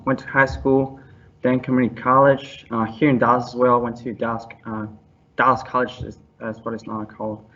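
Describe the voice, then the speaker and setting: A man's voice: mid-range voice, a bit bright, far from the mic, dull audio. A man, introducing himself loosely and often correcting himself. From Mexico. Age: 20s. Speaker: engineering student ambassador. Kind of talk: self-introduction on a panel.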